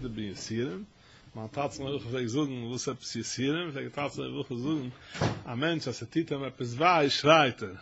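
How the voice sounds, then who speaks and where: A man giving a Torah lesson as a rabbi, telling stories with halting restarts and rising to loud, emphatic stretches. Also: medium pitch, gravelly, slightly rough. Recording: dull lo-fi recording with faint noise.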